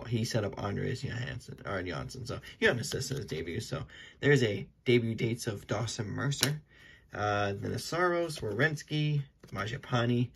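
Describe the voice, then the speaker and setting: A young man with a low, gravelly voice talks loosely and unscripted as he opens packs of trading cards. He rambles, fills pauses with ums and corrects himself often. A faint hiss sits under the recording. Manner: relaxed, rambling, many ums and self-corrections. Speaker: card-opening video host. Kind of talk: casual unscripted commentary.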